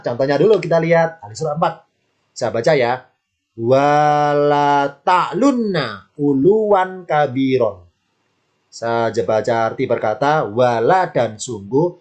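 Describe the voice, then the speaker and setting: A man teaching Arabic grammar in an online Quran lesson. He speaks, explains patiently, repeats words and answers his own questions. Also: medium pitch.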